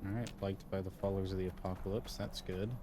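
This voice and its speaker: Low-voiced man swearing through gameplay. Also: level tone, fast, heavy background noise. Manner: profane, blunt, talks to game characters. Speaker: streamer playing a game. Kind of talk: casual gameplay commentary.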